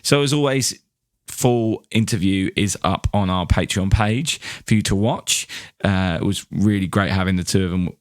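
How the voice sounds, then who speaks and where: This podcast host keeps things casual and chatty, speaking at a moderate pace in a low-pitched voice. The sound is dry and studio-clean.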